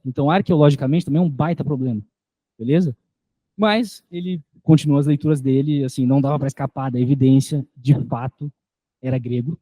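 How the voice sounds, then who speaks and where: A man lecturing to a class in a voice that is very dark and mellow, pitched a little high for a man. He explains things step by step and keeps checking in with the listeners. The sound is dry, with no room echo. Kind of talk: recorded lecture.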